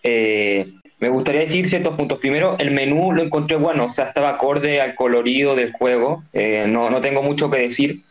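A man on a podcast reviewing an indie game. He talks casually and pauses often with fillers, giving measured criticism. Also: mid-range voice. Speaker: podcast co-host reviewing games.

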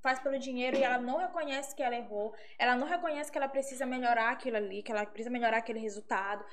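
A woman instructor in a podcast chat, with a high voice, talking very fast and eagerly, with faint room ambience behind her. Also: slight background noise. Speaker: beauty instructor.

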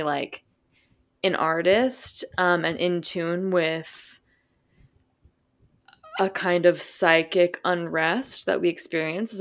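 Casual discussion host: stoned woman, lower-pitched, rambling, blunt, sweary, filler-heavy.

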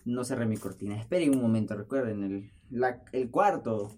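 Sitting in his bedroom, a young man talks close to his camera's built-in mic, a slight hiss or hum audible, his voice medium-pitched at normal speed. As a podcast host of his own show, he rambles through a self-mocking, jokey monologue, telling stories with energy and laughter.

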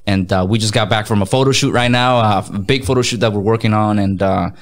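A man in his thirties from Mexico, a music artist talking as a guest in a casual interview, energetic, repeating words and slipping into Spanish phrases. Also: lowish voice, quick pace. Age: 30s.

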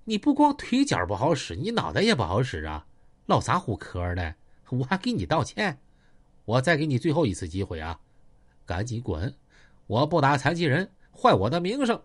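A man's voice: mid-range voice, huge pitch swings, normal speed. A man voicing a boastful, coarse male gang boss, taunting his rivals. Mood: contemptuous.

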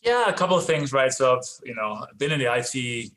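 A Danish man in his forties, a real estate investor, talks casually as a podcast guest in a slight Danish accent, peppering his speech with "you know" and "right?". His mid-range voice is fairly quick and a bit bright, with big pitch swings.

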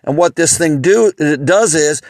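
A man voicing a male interviewer who asks a mattress salesman probing questions in a lower, different-sounding voice. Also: normal speed, dry recording, clean studio sound. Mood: curious.

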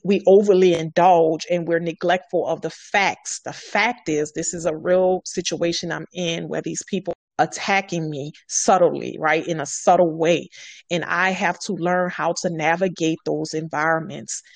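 A woman's voice: fairly low pitch, steady tone, normal speed, dry recording. A woman on a podcast talking earnestly, repeating her points for emphasis. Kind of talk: casual podcast conversation.

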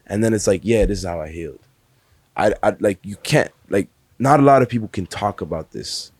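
A man's voice: fairly low pitch, brisk, darkish tone, slightly rough, dry recording. A man in his early twenties, a podcast guest talking casually and earnestly, full of "like" and "bro". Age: 20s. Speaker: podcast guest, music industry worker.

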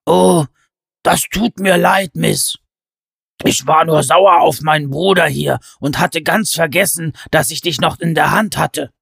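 A lumbering, bossy storybook giant, put on by a male narrator. The voice is raspy and gravelly, pushed higher than a plain male voice. It lectures his brother about the rules, recorded dry and close. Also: measured pace, a bit bright, no room sound, full character voice. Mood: apologetic. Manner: lecturing, scolding.

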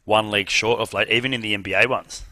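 Podcast co-host, male, low bright voice, dry close sound, casual banter. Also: fairly even intonation, fast, no echo. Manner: chatty, laughs often, says "mate". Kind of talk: casual football podcast chat.

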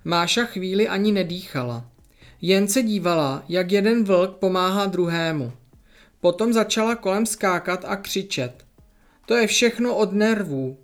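A storyteller narrating a children's story in a lively, expressive way. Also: mid-range voice.

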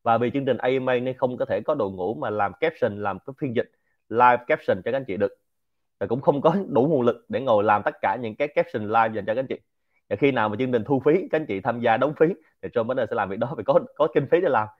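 A man from central Vietnam with a Quảng Nam accent, giving an informal business lecture in an animated, rhetorical way and often asking the audience to agree. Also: medium pitch, quick pace, lo-fi sound. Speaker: lecturer and host of a Q&A show.

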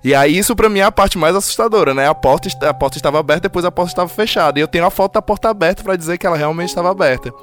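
Male guest, Cearense accent, high pitch, brisk suspenseful storyteller. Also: faint music behind. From Ceará, Brazil. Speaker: podcast guest. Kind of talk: casual storytelling chat.

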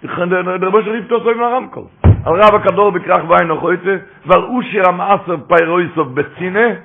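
A man's voice: high voice, a little fast, creaky, slight background noise. A man giving a religious talk with stories, repeating his phrases as he tells them. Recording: tinny phone-line recording.

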